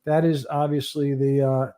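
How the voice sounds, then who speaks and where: A man's voice: mid-range voice, level tone, moderate pace, mellow. A man hosting a livestream show, giving audio news in a loose, rambling casual chat.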